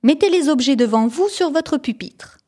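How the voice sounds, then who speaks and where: A woman's voice: high voice, expressive, moderate pace, warm tone, pitched above the performer's own voice. A woman voicing a stern, easily exasperated schoolteacher in a children's story, scolding and exclamatory.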